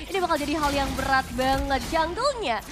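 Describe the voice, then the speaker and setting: A woman's voice: high-pitched, lively intonation, fairly quick. An Indonesian woman giving live commentary on an esports match. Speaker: esports caster. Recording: loud music under the voice. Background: loud music.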